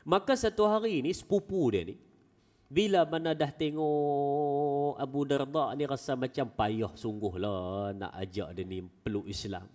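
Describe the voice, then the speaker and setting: A male preacher giving a Friday mosque sermon as an animated storyteller with folksy asides. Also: mid-range voice, a little slow, in a large hall. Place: small mosque prayer hall.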